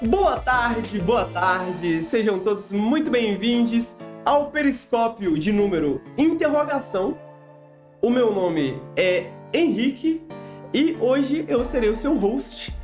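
A man with a Brazilian accent and a smoker's rasp hosts a casual live podcast monologue, with a playfully mock-grandiose manner. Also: very high-pitched, expressive, slow pace, music in the background. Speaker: podcast host.

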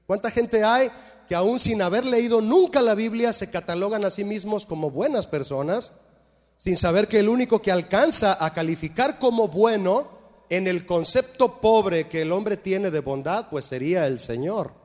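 A man's voice: sits high, expressive, moderate pace, darkish tone. A man preaching a sermon as a pastor, emphatic and full of rhetorical questions to his congregation. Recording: long hall reverb.

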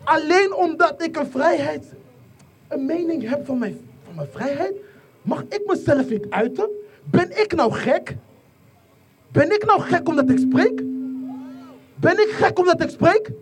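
A speaker from the Netherlands giving an impassioned protest speech outdoors, repeating lines and rising into shouts. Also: sits high, animated, a little slow, long pauses. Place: outdoor protest rally in rain. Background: faint crowd.

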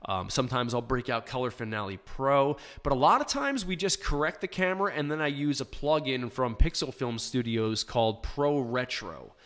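A man hoarse from shouting hosts a casual live podcast from a small home studio, answering listener questions straight into a studio mic. He's loose and plainspoken, with plenty of ums and restarts. His mid-range, slightly bright voice is animated at a normal speed, with hardly any pauses.

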